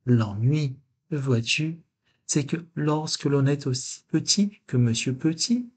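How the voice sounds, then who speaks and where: Slow husky man reading a storybook. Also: a little high. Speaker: storybook reader. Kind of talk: children's story read-aloud.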